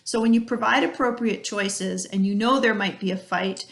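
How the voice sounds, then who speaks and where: A woman's voice: medium pitch, normal speed, creaky. A middle-aged woman, an early childhood educator, giving parents practical advice in a friendly way and illustrating each point with everyday examples. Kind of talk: instructional talk to parents.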